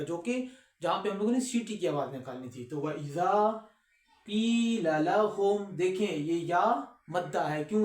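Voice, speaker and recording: A man teaching recitation rules, who recites verses slowly and drawn out between quick explanations and asks his students questions. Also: high voice, echoey room. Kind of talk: recorded lesson with slow recitation.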